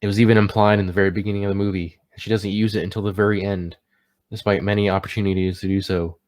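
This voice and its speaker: A man's voice: fairly low pitch, little pitch movement, fast, a little mellow. A man giving a casual, unscripted movie review, sounding tipsy as he stumbles over words and catches himself.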